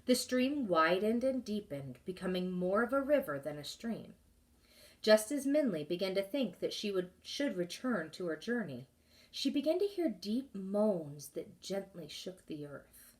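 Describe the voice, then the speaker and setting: A woman teacher reading a chapter book aloud to her class, expressive and pausing to ask questions. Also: mid-range voice, distant mic.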